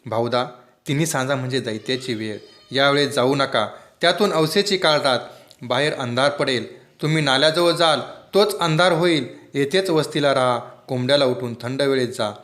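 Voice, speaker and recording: A man's voice: mid-range voice, normal speed, a bit bright, natural voice. A man reading aloud, voicing an anxious old village woman who urgently cautions a neighbour. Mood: warning.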